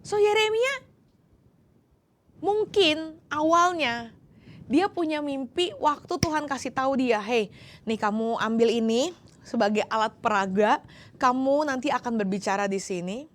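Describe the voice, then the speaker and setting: A woman pastor preaching a sermon in an expressive style, acting out the voices in the story and slipping English words into her speech. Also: sits high, measured pace, long pauses. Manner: acts out voices of the prophet and others. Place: church.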